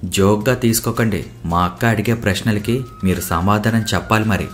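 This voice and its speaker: A man's voice: lowish voice, normal speed, soft background music, lightly acted. Man voicing an eager younger sister.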